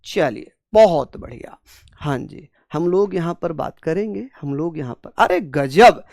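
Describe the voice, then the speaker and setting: A man's voice: a little high, lively intonation, a little slow, a little mellow, dry recording, clean studio sound. A male exam-prep teacher giving an online classroom lecture, drilling points over and over, voicing his students' questions and calling them fond names. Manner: repetitive drilling, voices students' questions, fond terms of address.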